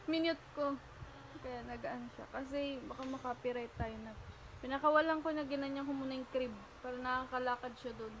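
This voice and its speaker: A woman's voice: sits high, steady tone, moderate pace, a little hiss or hum. A woman from the Philippines vlogging at home, talking casually to viewers and playfully to her toddler. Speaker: vlogger mother. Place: home with tiled floors.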